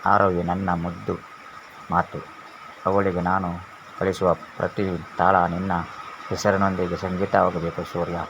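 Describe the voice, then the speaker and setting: A man voicing a young mother who is loving and anxious, reading her lines slowly and tenderly. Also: low voice, level tone, vocal fry. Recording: dull lo-fi with faint hiss.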